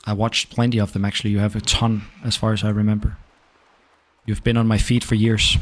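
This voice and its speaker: This young man from Denmark talks fairly quickly in a lowish, level voice, his Danish accent clear. While he streams a game, he chats easily with his viewers, relaxed and occasionally cursing.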